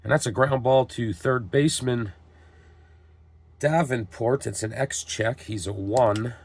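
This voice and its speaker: This husky, mid-range voice belongs to a man narrating a tabletop baseball dice game play by play, a little slowly, while recovering from a cold. He stays steady, reading out lineups and calling the action like a broadcaster.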